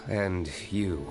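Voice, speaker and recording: A man's voice: low voice, darkish tone, exaggerated voice. An actor voicing a stern, aloof male winery owner in a game who speaks curtly and coldly. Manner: curt, cold, clipped. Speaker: game character. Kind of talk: game voice acting.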